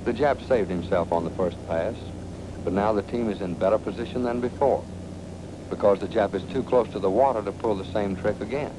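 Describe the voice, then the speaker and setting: An American man narrates a 1940s military training film, telling it in a punchy, colloquial, dramatic style. His lowish voice runs a little fast over a noisy film soundtrack with music.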